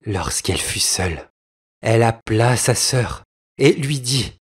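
A man narrating a storybook fairy tale with a husky voice, in slow, expressive storytelling. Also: on the low side. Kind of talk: storybook reading.

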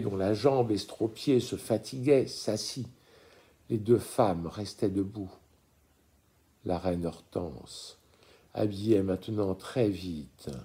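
A man reading a classic story aloud as an audiobook, measured and expressive. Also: medium pitch. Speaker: narrator.

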